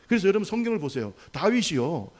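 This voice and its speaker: In a church sanctuary, a male pastor preaches to his congregation using call-and-response and rhetorical questions. His high-pitched voice is very animated and quick, swinging between loud exhortation and soft asides.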